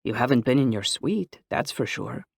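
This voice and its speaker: A man reading an audiobook, voicing an earnest young man who speaks softly and slowly. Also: mid-range voice, expressive, dry recording, clean studio sound. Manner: soft-spoken and slow. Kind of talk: audiobook character voice.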